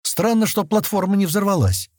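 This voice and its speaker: A man's voice: high voice, expressive, moderate pace, a little mellow, no echo, studio quality, pitched above the performer's own voice. A man voicing a wary, terse space hunter who asks blunt questions in an audiobook reading.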